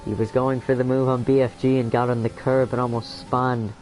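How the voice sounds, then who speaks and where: A man's voice: mid-range voice, flat delivery, fairly quick, darkish tone, a little hiss or hum, rough recording. A young man giving live commentary on a sim-racing league, rambling with many fillers and self-corrections. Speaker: race commentator.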